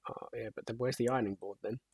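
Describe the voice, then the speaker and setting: Husky young guy chatting dryly while gaming, flat close sound. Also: mid-range voice, fast, dry recording. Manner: dry, rambling banter. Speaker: co-host. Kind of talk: casual chat while gaming.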